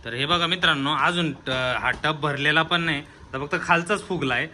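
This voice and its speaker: A man's voice: fairly high pitch, moderate pace, pushed and bright, a little hiss or hum. A man filming a family vlog at home, talking to viewers and half-laughingly scolding his children. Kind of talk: casual family vlog narration. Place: at home, indoors.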